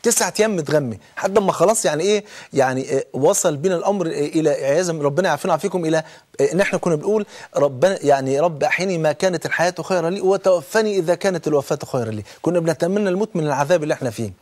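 Middle-aged Egyptian male preacher, rapid-fire and fervent, pitched a little high. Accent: Egyptian Arabic. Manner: fervent, storytelling, dips low and soft for quotes. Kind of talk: sermon.

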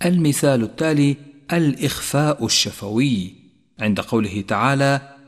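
A man teaching Quran recitation rules, explaining calmly and chanting the examples slowly. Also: mid-range voice. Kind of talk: tajweed lesson with slow recited examples. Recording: long reverb.

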